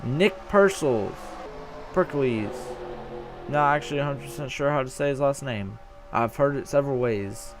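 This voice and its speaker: A young man giving casual play-by-play commentary on a simulated stock car race, rambling and often correcting himself, getting excited when the racing gets close. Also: medium pitch, normal speed, music in the background.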